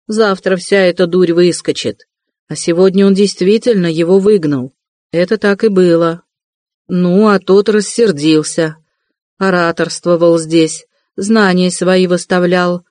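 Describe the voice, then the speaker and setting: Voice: mid-range voice, unhurried, darkish tone, no echo, clean studio sound, lightly acted. A reader voicing a tipsy, boisterous young man who blusters and bellows. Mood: blustering.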